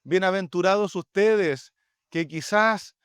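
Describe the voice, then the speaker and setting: A man's voice: sits high, takes it slowly, fairly bright tone, clean tone, no echo. A man with a Chilean Spanish accent, a pastor preaching a sermon in an earnest, pleading way, often addressing his listeners directly.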